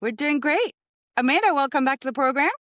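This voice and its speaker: A woman hosting a podcast interview, asking questions in an upbeat, animated way. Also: high voice, a little fast, no echo, clean studio sound. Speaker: podcast host.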